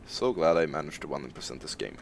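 A man's voice: a bass voice, lively intonation, a little fast, creaky, slight background noise. Joking, rambling male gaming streamer. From Sweden. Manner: rambling, joking, self-mocking, swears casually. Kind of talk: casual live-stream gameplay commentary.

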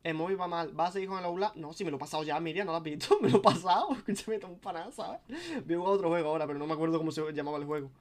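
A young man streams and chats on and on. His voice sits somewhat high for a man, and his sentences restart often and carry casual swearing. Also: racing, few pauses, darkish tone. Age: young adult. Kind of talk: casual live-stream chat.

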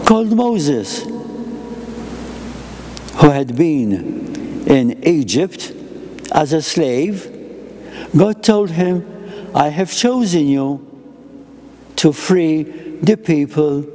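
Speaking into a lectern microphone indoors, an older priest preaches in a chapel furnished with an icon and a lectern. He breaks his words into slow, careful pieces with a melodic lilt, and his fairly high, mellow male voice is followed by a lingering church echo.

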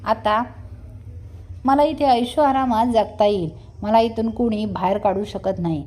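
A woman's voice: medium pitch, a little slow, a little mellow, lightly acted. A woman voicing a sly, scheming young woman who talks to herself in an inner monologue. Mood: smug.

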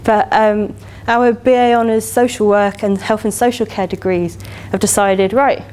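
A woman's voice: medium pitch, steady tone, moderate pace, darkish tone. A woman in her thirties with an English accent, giving a conference keynote in a chatty, enthusiastic way with many "you know" fillers. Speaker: keynote speaker. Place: lecture hall, standing by a lectern.

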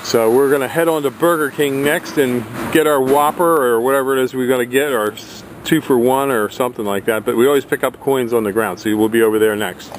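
In a casual handheld tour of antiques he collected hauling, a plain-spoken man rambles and reads items aloud. His mid-range voice is brisk with few pauses, and the rough recording carries a little hiss or hum.

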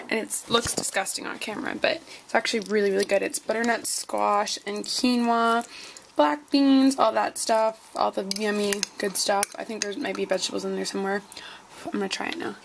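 A woman's voice: mid-range voice, steady tone, a little fast, vocal fry, background noise. A woman in her twenties chatting casually to her vlog camera, rambling along with frequent ums. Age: 20s. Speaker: vlogger.

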